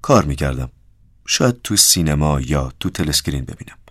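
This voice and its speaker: A man's voice: a bass voice, a bit bright, no echo, studio quality. A man voicing a wary middle-aged male clerk who answers in a hasty, guarded, offhand way.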